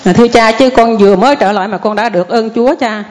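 Older woman giving a fast, earnest testimony. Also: a little high, darkish tone. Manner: earnest, rambling, deferential. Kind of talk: spoken testimony.

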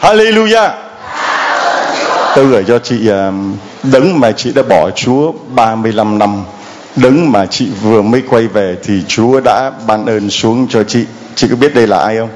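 A man's voice: fairly low pitch, moderate pace, darkish tone. A man, a priest, preaching emphatically and asking rhetorical questions of the congregation. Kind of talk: sermon with audience questions.

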